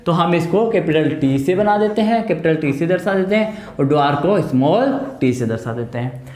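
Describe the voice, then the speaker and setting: A man's voice: fairly high pitch, lively intonation, moderate pace, a little mellow. A male biology teacher giving an exam-prep lecture, asking his class questions and answering them himself, repeating key terms and using homely examples. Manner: explains with homely everyday examples in a coaxing tone. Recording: echoey room.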